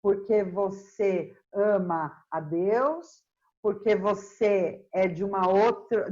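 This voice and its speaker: A middle-aged woman, a historian being interviewed, speaking slowly and earnestly in a relaxed, reflective way. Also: medium pitch, highs cut off. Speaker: historian guest. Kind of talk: casual interview chat.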